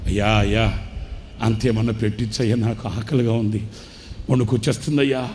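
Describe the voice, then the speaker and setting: A man's voice: fairly low pitch, fairly even intonation, normal speed, darkish tone, a little hiss or hum, natural voice. A man voicing a hungry, retired old man who weeps and pleads for food. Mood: pleading. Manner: tearful pleading.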